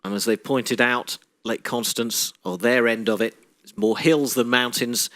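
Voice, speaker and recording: A man commentating live on a sailing race, steady and informative, with frequent "uh" fillers. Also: medium pitch, a little slow.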